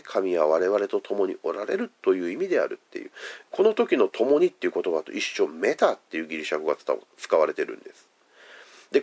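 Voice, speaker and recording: A man preaching a sermon. He stresses key words by slowing down, then lets his phrases fall away to a hush. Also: mid-range voice. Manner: emphatic, drawn-out phrasing with soft, hushed endings. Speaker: pastor.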